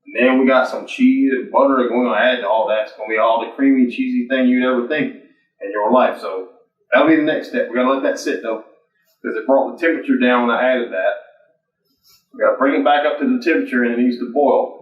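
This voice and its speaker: A man's voice: mid-range voice, fast talker, reverberant, highs cut off. A man hosting a casual home cooking show, talking in a rambling, profane, folksy way from his kitchen.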